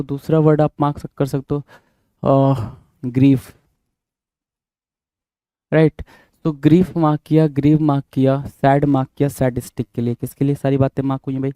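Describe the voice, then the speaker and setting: Male teacher, very dark and even-toned, dry close sound, repetitive question-and-answer style. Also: fairly high pitch, smooth, no room sound. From India. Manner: repeats words, spells them out letter by letter; asks the class questions and answers them himself. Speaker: vocabulary teacher. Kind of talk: bilingual classroom explanation.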